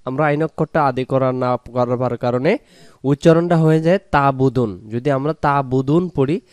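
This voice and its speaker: A man's voice: medium pitch, normal speed, a little mellow, clean tone, no echo. A man teaching Quran pronunciation, patiently drawing out and repeating each syllable for learners. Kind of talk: slow pronunciation lesson with drawn-out recitation.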